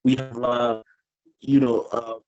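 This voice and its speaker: A man from Kenya, speaking haltingly on an online panel while his video call audio glitches and breaks up. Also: medium pitch, little pitch movement, darkish tone, lo-fi sound. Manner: halting, many fillers and restarts. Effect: choppy, glitchy audio breaking up over a video call.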